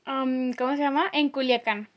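A young woman with a Mexican accent chatting on a podcast, relaxed and pausing to search for words. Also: sits high. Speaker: podcast co-host. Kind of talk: casual podcast chat.

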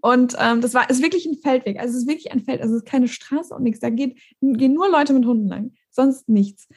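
A woman with a husky, rather high voice tells a story in a relaxed conversation. She talks casually and animatedly and laughs easily between her sentences. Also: brisk. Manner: animated storytelling, laughs often, mimics others. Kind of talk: casual chat.

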